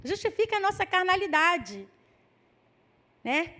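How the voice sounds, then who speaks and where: Woman, Brazilian accent, sermon, high voice, lively, mock voices for excuses. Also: a little slow. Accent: Brazilian Portuguese. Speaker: preacher.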